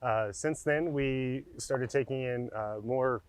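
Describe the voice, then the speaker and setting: A man's voice: medium pitch, slow, clear, resonant tone, no room sound. Matter-of-fact man. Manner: plain, matter-of-fact, with hesitations. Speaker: compost production facilities manager. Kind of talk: interview answers.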